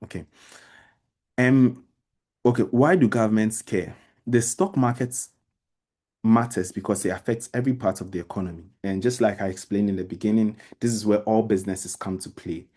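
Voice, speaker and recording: A man's voice: on the low side, normal speed, warm tone. A man teaching as a debate trainer in an informal explanatory lecture, repeating phrases for emphasis and speaking directly to his listeners. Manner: addresses listeners directly with everyday examples.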